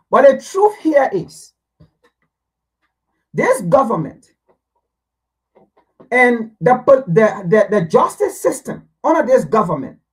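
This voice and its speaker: Lively, emphatic commentator. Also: medium pitch, low-quality recording. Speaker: panelist. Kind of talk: political commentary.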